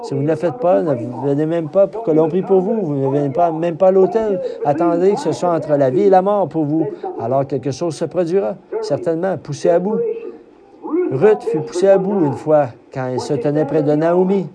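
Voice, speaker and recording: A man with a high voice preaches a sermon, his delivery emphatic and climbing to cries on key phrases. A crowd is clearly heard behind him. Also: moderate pace.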